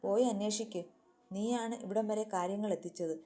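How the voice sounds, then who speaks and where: Woman reading a nasty bossy husband, sneering, mellow voice. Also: mid-range voice, fairly even intonation, brisk, faint music behind, natural voice. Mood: contemptuous. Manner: contemptuous and threatening. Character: angry, domineering abusive husband.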